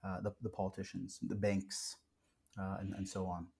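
A man's voice: low-pitched, little pitch movement, normal speed, creaky, dark tone. A man who was born in Kuwait and raised in the US, a pastor talking earnestly and reflectively in a podcast interview, with frequent restarts and fillers.

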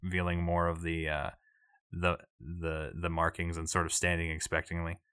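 A man running a tabletop game, his voice very low yet bright and sharp in tone. He narrates haltingly, full of fillers, recorded dry and close. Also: completely flat delivery, clear, resonant tone, dry recording. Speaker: game master.

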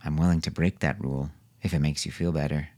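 A man's voice: sits low, lively intonation, moderate pace. A man reading an audiobook, voicing a patient, weary soldier father who jokes with his family.

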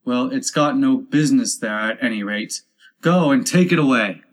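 A man's voice: medium pitch, normal speed, lightly acted. A man voicing an angry, bossy rabbit character from a storybook, calling out orders imperiously. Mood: angry, impatient. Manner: imperious, shouting.

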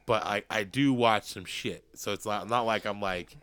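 A man's voice: fairly low pitch, moderate pace, fairly bright tone, clean tone. A man co-hosting a podcast in casual chat, rambling and swearing freely. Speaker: podcast co-host.

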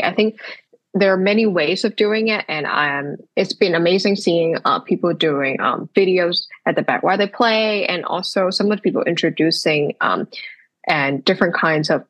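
A young woman from Hong Kong talks as a guest on a percussion podcast. Her voice sits on the low side and has a husky edge. She speaks thoughtfully, stopping often to gather her words. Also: fairly bright tone. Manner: thoughtful, with frequent "um" pauses. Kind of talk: casual podcast interview.

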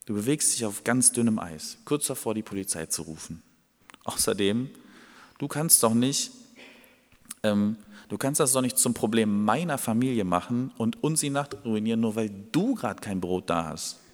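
A man's voice: sits low, lively intonation, measured pace, big-room sound. A man acting out an irritated man, woken at midnight by a friend, who scolds him for knocking. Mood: angry. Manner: irritated, scolding, hushed at times.

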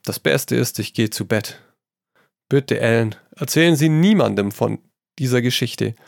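A man reading a story aloud, voicing an earnest young gentleman who talks quickly when he is flustered. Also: medium pitch, creaky, no room sound, clean studio sound.

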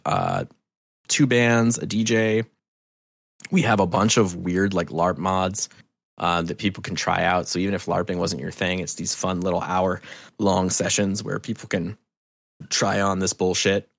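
A middle-aged man with a low, gravelly voice, recorded with no echo, appears as a podcast guest. He creates audio dramas and talks candidly and earnestly, rambling, restarting sentences and swearing loosely.

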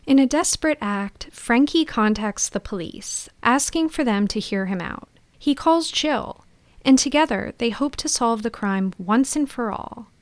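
Female film podcaster, playful scripted storyteller, fairly high pitch, very dry recording. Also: animated, a little slow, no room sound. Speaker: podcast host.

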